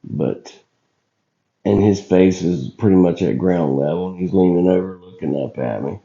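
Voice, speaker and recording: A deep-voiced man hosts a video channel, commenting casually on footage slowly and in a gravelly, dark tone. Recovering from illness, he sounds hoarse, rough and scratchy, speaking in a folksy, halting, colloquial style. The recording is dull and lo-fi.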